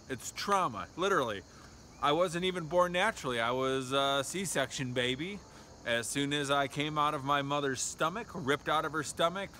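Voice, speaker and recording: Worked-up guy venting on camera, tense bright voice, rambling with tons of "like". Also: on the high side, slight background noise. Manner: agitated, rambling, heavy use of "like". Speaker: vlogger. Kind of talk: heated rambling monologue.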